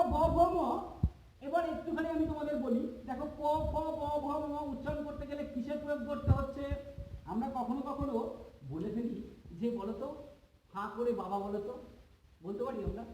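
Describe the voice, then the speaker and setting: A man's voice: extremely high pitch, a little mellow, a little hiss or hum. A man teaching a lesson, patient, repeating points and checking that students understand. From Bengal. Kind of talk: classroom lesson. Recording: echoey room, far from mic.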